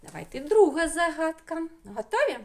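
A woman's voice: extremely high pitch, sing-song, normal speed. A woman with a Ukrainian accent teaching young children online, stretching out syllables in a sing-song way. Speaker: preschool teacher.

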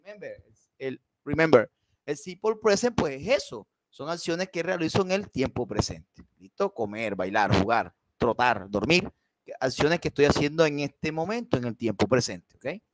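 A man's voice: a little high, very animated, moderate pace. A man teaching a live online English class, switching between Spanish and English and checking in with his students.

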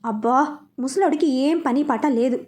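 A woman's voice: high voice, normal speed, darkish tone, lightly acted. A woman voicing a young husband, a mafia man in love, who asks anxious questions in playful banter with his wife.

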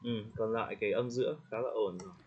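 A man coaching English pronunciation in casual spoken feedback, friendly, slowing down to demonstrate words and laughing lightly. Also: lowish voice, steady tone, breathy edge. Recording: slightly dull lo-fi audio.

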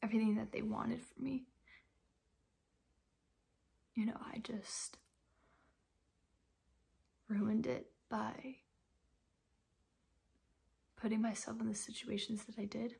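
A young woman acting a dramatic monologue as a distressed, ashamed young woman, with halting, tragic sorrow in her fragile voice. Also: a little high, flat delivery, dark tone, heavily acted. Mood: sorrowful guilt. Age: young adult. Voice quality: breathy, husky, fragile.

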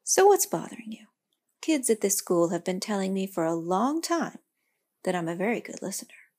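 A woman voicing a wise old elm tree who speaks calmly and reassuringly. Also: medium pitch, moderate pace. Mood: gentle. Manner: calm, gentle, reassuring.

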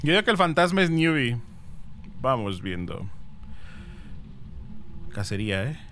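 A man's voice: medium pitch, sing-song, unhurried, a bit bright, a little hiss or hum. A man streaming a ghost-hunting game, chatting with viewers and thanking them, with dramatic exclamations. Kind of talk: live game stream with chat.

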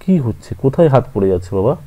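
A man's voice: mid-range voice, sing-song, racing, dark tone. A man with a Bengali accent teaching verse scansion, counting syllables aloud and correcting his own slips. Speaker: literature teacher.

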